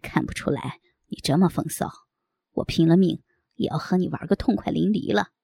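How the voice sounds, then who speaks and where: A woman voicing an eager adult man in an audio story, speaking in a husky, breathy half-whisper. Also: moderate pace, dark tone. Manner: low murmured lines, teasing and pleading.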